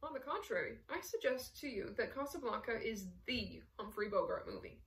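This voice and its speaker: A woman's voice: a little high, animated, moderate pace, recorded from a distance. Woman reading a stiff, formal aristocrat.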